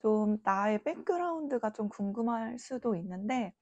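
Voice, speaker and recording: A woman's voice: on the high side, animated, normal speed, darkish tone, no echo, lo-fi sound. A woman in her late thirties from South Korea, talking to her viewers in a chatty, reflective, informal way. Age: late 30s. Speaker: vlogger. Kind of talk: casual talking-to-camera vlog.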